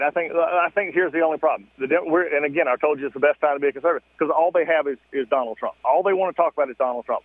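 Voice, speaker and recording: Fast caller on muffled, tunnel-like phone. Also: male voice, a little high, dry recording. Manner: fast, emphatic, frequent restarts. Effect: muffled phone line that sounds like he is in a tunnel. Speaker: radio show guest calling in. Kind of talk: political radio call-in. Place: car stopped at the roadside.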